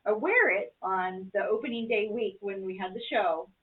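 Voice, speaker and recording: A woman from the southern United States co-hosting a casual chat, telling family stories in a lively way and laughing often. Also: mid-range voice, normal speed. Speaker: co-host. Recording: tinny phone-like sound.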